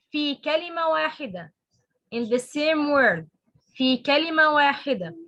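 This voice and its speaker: Bright high-voiced woman teaching. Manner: repeats each term slowly, mixing English and Arabic. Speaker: Quran recitation teacher. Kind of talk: online tajweed lesson.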